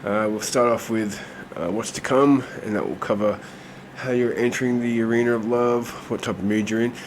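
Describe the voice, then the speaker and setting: A tarot reader with a mid-range voice gives a casual, chatty reading at a moderate pace, with slight background noise. A cold leaves him nasal and congested, and his relaxed talk is packed with fillers.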